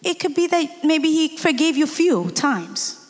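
A woman's voice: sits high, sing-song, slow. A woman interpreting a sermon phrase by phrase, now and then correcting herself. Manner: renders the sermon phrase by phrase, with occasional self-corrections. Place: church hall. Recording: long reverb of a large hall.

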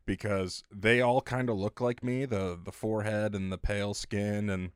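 Casual podcast co-host, man with a lowish voice, dry close sound, laughs through loose profane stories. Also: steady tone, moderate pace, clear, resonant tone, dry recording.

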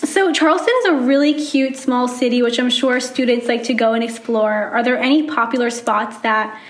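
A woman's voice: fairly high pitch, moderate pace, echoey room. A woman hosting a podcast interview, upbeat and encouraging as she asks questions. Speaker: podcast host.

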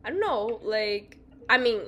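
A woman's voice: on the high side, lively intonation, a little slow, bright, forceful tone. A woman from China co-hosting a casual podcast, talking in a loose, filler-heavy way from home. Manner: chatty, many fillers. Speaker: podcast co-host. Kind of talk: casual chat. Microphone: home recording.

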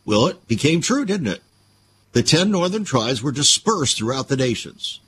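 A man's voice: mid-range voice, sing-song, normal speed, a bit bright, a little hiss or hum. A man hosting a radio show, giving preachy Bible-based commentary full of rhetorical questions.

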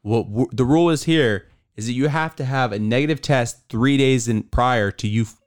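A man's voice: medium pitch, normal speed, smooth. A man with a slight lisp co-hosting a casual podcast, rambling loosely and saying "bro" a lot. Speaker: podcast co-host. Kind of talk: casual chat.

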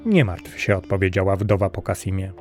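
A man's voice: sits low, brisk, faint music behind, close to an everyday voice. A man voicing a rich, envious wife, now a widow, in a storybook reading. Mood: reassuring. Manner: curious, sharp.

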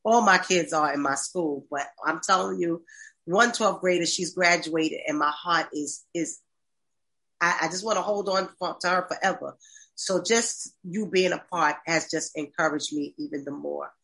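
A woman's voice: fairly low pitch, moderate pace, vocal fry, bright, forceful tone, rough recording. A woman in her fifties, a pastor hosting a call-in talk, speaking affectionately in long rambling sentences full of restarts. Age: 50s. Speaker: pastor and host. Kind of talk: casual talk to listeners on a call-in stream.

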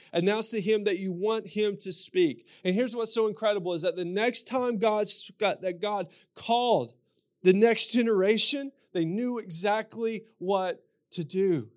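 A man's voice: high-pitched, normal speed. A man with a Kentucky accent preaching as a pastor, telling scripture stories and repeating phrases for emphasis. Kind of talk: sermon with scripture storytelling.

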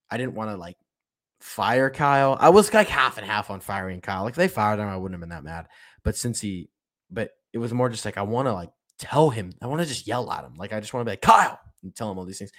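A man hosting a solo sports podcast, ranting about football in an impassioned, repetitive way. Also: on the low side. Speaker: podcast host.

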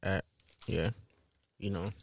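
A man's voice: low-pitched, level tone, takes it slowly, creaky, slight background noise. A young man, chatting casually with friends, laid-back and slangy with lots of fillers. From Brooklyn, New York. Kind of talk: casual group chat.

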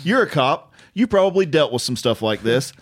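A man's voice: medium pitch, very animated, normal speed, no room sound. Male comic co-host, teasing and foul-mouthed, voice swings up and down, recorded close and dry. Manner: crude, teasing interjections. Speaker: podcast co-host, aspiring comedian. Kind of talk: casual comedy chat. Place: indoors in a house.

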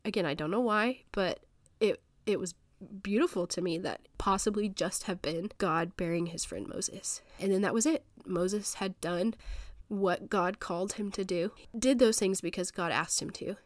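A woman's voice: mid-range voice, normal speed, no room sound. A woman in her thirties hosting a faith podcast, sounding stuffy from a sinus infection, talking in an earnest, rambling, encouraging way from her home office. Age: 30s. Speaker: podcast host.

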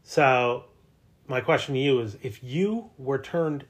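A man's voice: mid-range voice, expressive, takes it slowly. A man in his thirties from New Jersey, co-hosting a podcast and telling a rambling, jokey story in casual chat. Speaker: podcast co-host.

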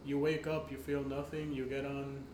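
A man speaking in casual podcast chat in a flat, subdued way. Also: mid-range voice, moderate pace. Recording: echoey room, clear background noise.

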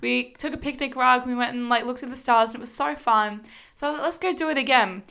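A young Australian woman co-hosting a podcast, telling stories in an animated way and laughing often. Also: fairly high pitch, quick pace, creaky, clear, resonant tone. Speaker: podcast co-host. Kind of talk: casual chat.

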